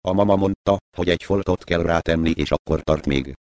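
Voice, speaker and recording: Young boy, timid, pleading, hesitant, voiced by a man with a low voice. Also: a little mellow, no room sound, studio quality, lightly acted. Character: poor timid young boy, anxious but stubborn.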